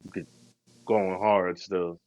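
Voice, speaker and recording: A man's voice: low-pitched, level tone, slow pace, darkish tone, dry recording, highs cut off. A man co-hosting a podcast, telling travel stories in a slangy, laid-back, rambling way. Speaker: podcast co-host. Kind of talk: casual travel storytelling.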